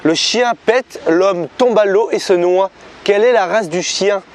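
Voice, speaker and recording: A man's voice: high voice, a little slow. A young man telling jokes in casual, slangy banter, as in a challenge video. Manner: slangy, informal.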